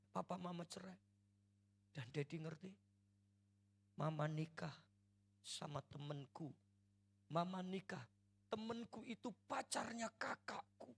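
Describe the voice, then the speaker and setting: A man's voice: fairly high pitch, unhurried, vocal fry, pauses often, breathy edge, pitched above the performer's own voice, exaggerated voice. A man acting out the voice of a hurt, furious young woman who pours out her anger. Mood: wounded. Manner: pleading and bursting out in anger.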